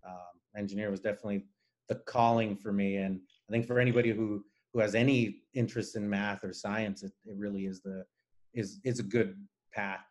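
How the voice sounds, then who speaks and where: This guest engineer from Nicaragua, who grew up with Spanish, explains things earnestly in a conversational interview. His fairly low voice is a little mellow, with fairly even intonation and a slightly quick pace.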